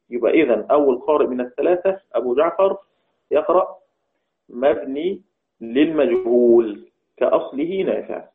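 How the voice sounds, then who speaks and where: Man teaching over tinny phone-like audio. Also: mid-range voice. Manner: poses questions to students and answers them himself; slows down to recite verse lines. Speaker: teacher of Quranic readings. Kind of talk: classroom lecture.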